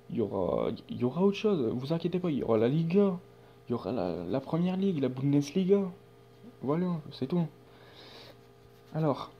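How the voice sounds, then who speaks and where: A man running a football vlog, talking in a casual, rambling way with many restarts and fillers. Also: mid-range voice. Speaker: football channel vlogger. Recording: dull lo-fi sound with faint hum.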